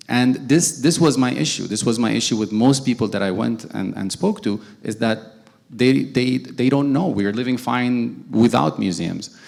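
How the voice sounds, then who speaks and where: A man's voice: medium pitch, gravelly, a little mellow. A young man from Sudan, a cartoonist speaking as a guest on a forum panel, hesitant with many restarts. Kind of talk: panel discussion answer.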